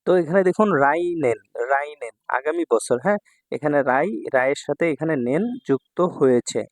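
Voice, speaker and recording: Expressive and fairly quick, a man's voice on the high side comes through a dry recording as he teaches Japanese kanji. He's from Bangladesh, repeats words, and often checks on his students with "ঠিক আছে?"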